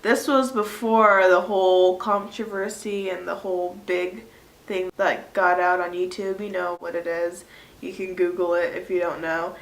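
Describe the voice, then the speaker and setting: A woman in her early twenties, a vlogger with a stuffy nose from a cold, talks casually to her viewers in an echoey room. Her lowish voice has little pitch movement and runs a little slow, and her chatter rambles with plenty of "like" fillers.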